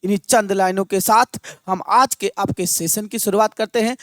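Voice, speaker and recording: A man teaching an exam-prep lesson. He dictates slowly and repeats each phrase so students can write it down. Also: high voice, fairly even intonation, a bit bright, no echo, clean studio sound. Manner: opens with a recited verse, partly sung.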